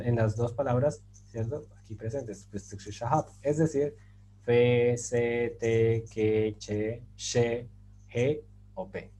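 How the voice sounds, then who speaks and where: A man in a relaxed, mellow register walks through a grammar lesson, stopping often to check that his listeners follow. His explanations are patient and full of small pauses and fillers. A faint background noise stays under the voice. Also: mid-range voice, poor audio. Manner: patient, rhetorical questions, many fillers. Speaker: language teacher.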